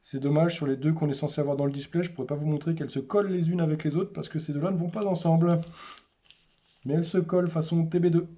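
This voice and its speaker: A man hosting a casual unboxing, naming cards one by one in short, unhurried remarks. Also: fairly high pitch, fairly even intonation, dark tone. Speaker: host opening a card display.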